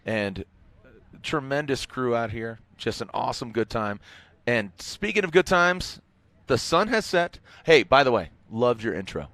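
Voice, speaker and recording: A man's voice: mid-range voice, animated, a little slow, a bit bright, no room sound. A man co-hosting a live motorsport stream, hyped and playful, teasing his partner. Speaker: stream co-host.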